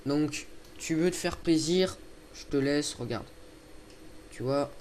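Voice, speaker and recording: A young man talks through a game in a casual, chatty way, his voice sitting a little high for a man. He hesitates and fills gaps with fillers, and there is a faint hiss of noise under the headset recording. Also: slow, darkish tone. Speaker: video host. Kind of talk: casual gameplay commentary.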